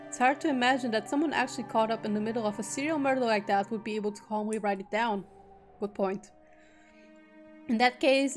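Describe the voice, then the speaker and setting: Female streamer, slightly high voice, reads game text aloud and drops quick jokey asides. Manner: reads narration steadily, breaks off into joking asides. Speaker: streamer reading a visual novel aloud. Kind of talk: reading aloud with casual asides.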